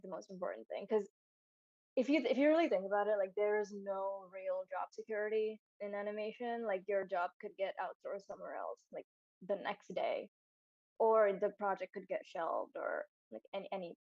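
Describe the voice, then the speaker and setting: A woman's voice: mid-range voice, a little mellow, dry recording. A young woman storyboard artist answering interview questions candidly, with many "like" fillers, over a video call. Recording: dull dry sound.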